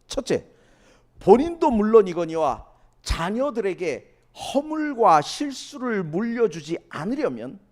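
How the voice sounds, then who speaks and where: Man, pastor preaching, fairly high voice, rhetorical questions, loud then hushed. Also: vocal fry. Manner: asks the congregation questions and answers them himself; swings from loud emphatic lines to hushed asides. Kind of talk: sermon.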